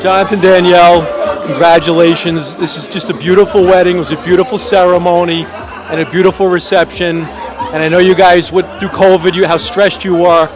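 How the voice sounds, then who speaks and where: A man's voice: high-pitched, flat delivery, a little fast, over music. A man giving enthusiastic congratulations to a newly married couple. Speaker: wedding guest. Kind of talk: upbeat wedding congratulations. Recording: crowd behind.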